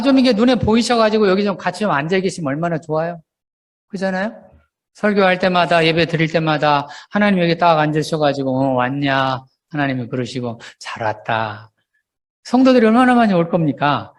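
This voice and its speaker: An older man preaching in a church, his voice sitting a little high for a man. He keeps putting questions to the listeners and hammers points home by repeating phrases, in the manner of a seasoned pastor and counselor. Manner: rhetorical questions to the congregation, builds through repetition. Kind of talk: sermon.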